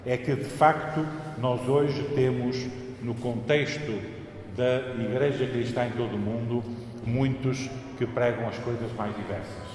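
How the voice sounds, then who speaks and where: A man's voice: mid-range voice, steady tone, measured pace, a little mellow, a little hiss or hum. A pastor with a European Portuguese accent preaching an earnest, emphatic sermon, his voice ringing with a cathedral echo. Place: large church. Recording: echoey church hall, faint ambience.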